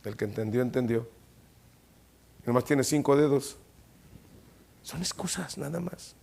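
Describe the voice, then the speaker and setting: A pastor preaching a sermon in a church, animatedly acting out Bible dialogue with loud rising peaks. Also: male voice, medium pitch, expressive, unhurried, creaky, breathy edge.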